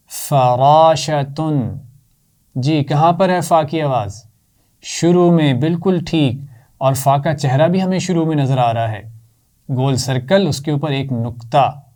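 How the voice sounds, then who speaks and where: Man slowly teaching children. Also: on the high side, a little mellow. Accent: Pakistani. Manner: slow, drawn-out repetition with praise. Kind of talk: children's lesson.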